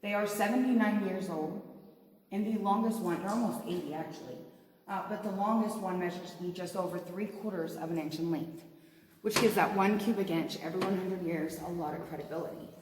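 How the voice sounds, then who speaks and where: A woman's voice: fairly low pitch, fairly quick. A woman working as a cave tour guide, talking informally and in a folksy way to her group as she shows them around. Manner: chatty, folksy, addresses group as "you guys". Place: inside a large underground cave. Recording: echoing cave with long reverb, faint noise.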